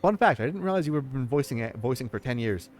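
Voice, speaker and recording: Male stream host, mid-range voice, effusive and halting in casual thanks, light music underneath. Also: mid-range voice, expressive. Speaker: livestream host. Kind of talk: casual chat, giving thanks to cast.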